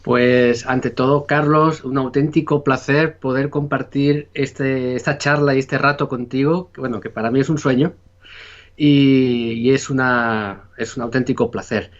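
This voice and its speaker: Spanish-accented male guest, casual rambling storyteller, medium pitch, dull lo-fi sound. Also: fairly even intonation, unhurried. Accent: Spanish (Spain). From Spain. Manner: rambling, many fillers and restarts. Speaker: podcast guest. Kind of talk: casual conversation.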